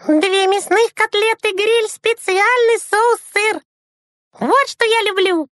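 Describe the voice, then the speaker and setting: A squeaky, stubborn little girl. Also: slow pace, no echo, clean studio sound, exaggerated voice. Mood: playful. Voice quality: squeaky, shrill child voice. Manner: shouty, bouncy, defiant. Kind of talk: storybook reading.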